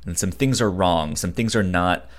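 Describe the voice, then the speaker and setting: On a podcast, a man with a low-pitched voice chats casually at a moderate pace and gives recommendations. He stutters frequently, repeating syllables and catching on words.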